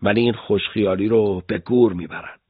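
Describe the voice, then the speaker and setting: A man with a husky voice narrating a war memoir as a scripted story in an even storytelling manner. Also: fairly low pitch, no room sound, phone-quality sound.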